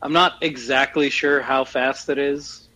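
This man's mid-range voice has a sharp tone and fairly even intonation. Co-hosting a podcast in casual conversation, he meanders, hesitates and fixes his own words, all sounding like a call over a poor connection.

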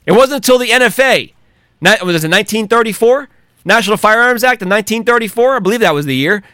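A man's voice: high voice, expressive, quick pace, sharp tone, clear, resonant tone, no room sound, clean studio sound. An American man delivering a heated, profane monologue rant, angry and sarcastic. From United States. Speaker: commentator.

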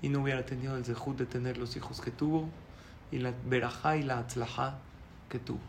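A male rabbi, telling a story in a sermon, animated and chuckling, asking the audience questions. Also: mid-range voice, brisk, creaky, a little hiss or hum.

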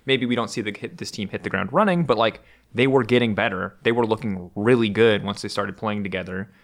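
A man's voice: lowish voice, fairly quick. A man hosting a casual esports chat, easygoing and loose with his phrasing. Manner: easygoing, rambling with fillers. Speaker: esports caster and host.

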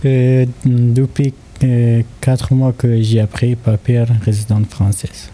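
A man of thirty with an Afghan accent, giving personal testimony in halting, broken French. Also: mid-range voice, flat delivery, warm tone. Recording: background ambient noise.

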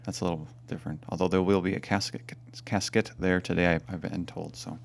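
Male priest, very low voice with gravelly fry, chatty and friendly. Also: fairly even intonation, a little fast. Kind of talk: casual chat.

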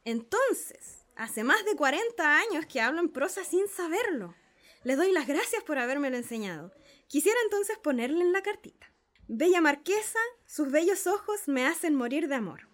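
A woman playing a naive middle-aged gentleman who gushes with wonder as he repeats his lessons, in a dramatic reading. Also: high voice, very animated, moderate pace. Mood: insistent. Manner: gushing, repeats sounds with wonder. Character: naive middle-aged male social climber, eager. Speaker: reader playing a pupil.

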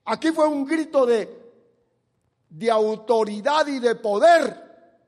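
High voice, slow preacher guy, swings soft to loud, echoey hall. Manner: dramatic swings from soft to shouted. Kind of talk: sermon.

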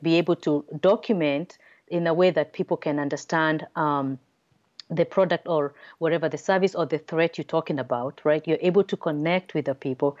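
Low-voiced Kenyan woman, slightly muffled. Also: darkish tone. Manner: explanatory, checks in with "right?". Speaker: podcast guest, cybersecurity consultant. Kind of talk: conversational interview answers.

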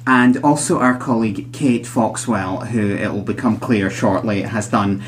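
A man's voice: on the low side, unhurried, slight background noise. A man hosting a psychology podcast in conversational style, chatty, with wry asides, in a recording room with guests.

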